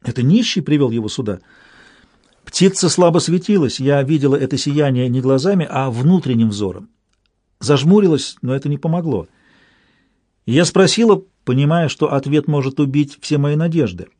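A man narrates a story aloud in a measured, steady way. His voice is somewhat high for a man and mellow in tone. The recording is dry and close. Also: dry recording. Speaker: audiobook reader. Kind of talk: scripted narration.

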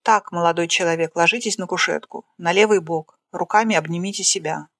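A young nurse's assistant gives short, curt instructions, put on by a single reader. The delivery is businesslike, at a middling pitch, with a dry, close sound. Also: brisk, fairly bright tone, dry recording, close to an everyday voice.

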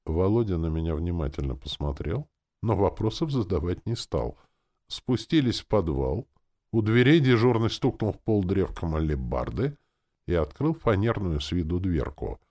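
A man narrating an audiobook in an expressive first-person manner. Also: deep voice, moderate pace.

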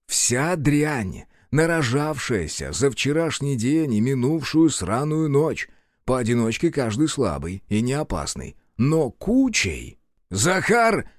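A man reading scripted narration for an audiobook in a lively, expressive way. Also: medium pitch, slow, no room sound, clean studio sound.

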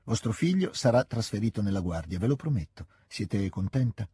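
A smooth-mannered old prince speaks with measured politeness and keeps his promises guarded, as a man reads him aloud. His voice is low-set and husky. The sound is close and dry. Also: big pitch swings, dark tone, no echo, full character voice. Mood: courteous. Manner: courteous, measured. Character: polished, cautious old prince. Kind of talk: audiobook reading.

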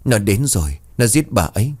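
A man's voice: on the low side, big pitch swings, normal speed, a little mellow, slightly rough, no room sound. A man voicing a grief-crazed older village chief who wails and rants. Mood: mad muttering. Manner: wailing, ranting.

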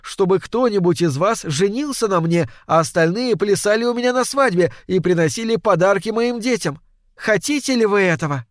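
A man puts on Death as a hushed, courtly young lady in a spoken storybook, raised a few steps in pitch and kept low and slow. She coaxes calmly and measures out every phrase. The recording is close and dry. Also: no echo. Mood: coaxing. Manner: quiet, measured, coaxing.

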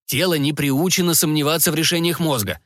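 A man's voice: a little high, a bit bright, no room sound, studio quality, voice pushed up, natural voice. A man voicing a fussy, hesitant male scientist who keeps humming "m" mid-sentence in an audiobook. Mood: lecturing. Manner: halting, hums "m" mid-sentence. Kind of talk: audiobook character voice.

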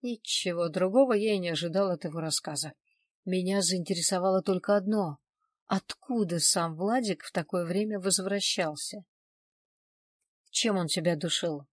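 A woman narrating a first-person crime novel in an even, measured reading voice at a close studio mic. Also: lowish voice, dry recording. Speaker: audiobook narrator.

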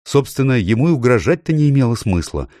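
A man's voice: medium pitch, sing-song, fast talker, dark tone, no room sound, clean studio sound, pitched above the performer's own voice, close to an everyday voice. A man reading an audiobook, voicing a brave, cheeky young girl who tells her tale eagerly.

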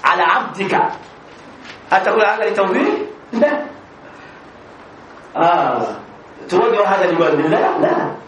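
A man's voice: sits high, big pitch swings, unhurried, long pauses, fairly bright tone. A man teaching an Arabic grammar class as a sheikh, asking questions, answering them himself and repeating example phrases. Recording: echoey room with faint background noise.

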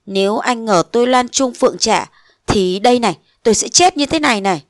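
A woman voicing an eighteen-year-old girl who pleads and reproaches her lover, rising to shrill protest. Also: normal speed, dry recording, clean studio sound, lightly acted. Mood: indignant. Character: young woman of eighteen, tearful and indignant.

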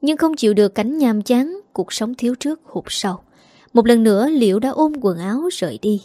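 A woman's voice: fairly high pitch, expressive, fairly quick, mellow, no room sound. Woman, scripted dramatic narration, emotive, dry close sound. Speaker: storyteller.

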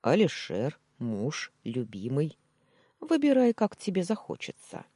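A woman's voice: low-pitched, wildly swooping pitch, a little slow, dark tone, husky, no room sound, studio quality, full character voice. A woman reading the part of a defiant captive young woman who snaps back and pleads. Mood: defiant, upset.

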